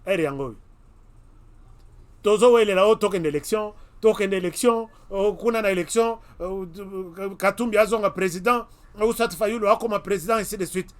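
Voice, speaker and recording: He runs his own web TV channel in Congo and talks right to the viewers, hammering the same warnings in a forceful commentary. His voice sits high and his pace is normal.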